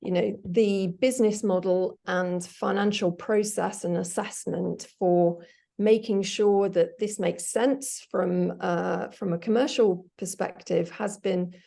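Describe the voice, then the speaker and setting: A woman hosting a webinar over a video call, moderating speakers and audience questions in a brisk, organised way. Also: mid-range voice, steady tone, gravelly, warm tone. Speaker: webinar host.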